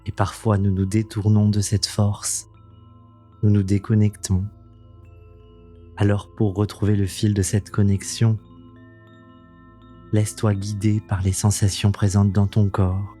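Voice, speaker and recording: A man leading a guided meditation in a soothing, gentle, intimate voice that sounds close to the ear, unhurried and calming, as the host of the practice. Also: fairly low pitch, soft background music. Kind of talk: slow guided meditation narration.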